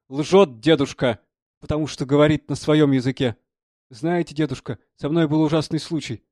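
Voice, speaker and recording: A man playing an excitable young painter. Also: a little high, dry recording, studio quality, pitched above the performer's own voice, lightly acted. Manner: agitated, talks loudly and insistently.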